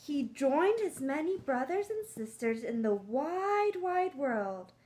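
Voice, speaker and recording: A woman's voice: sits high, very animated, takes it slowly, a little mellow. A woman reading a picture book aloud to young children, coaxing them along with simple questions. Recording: clearly noisy room.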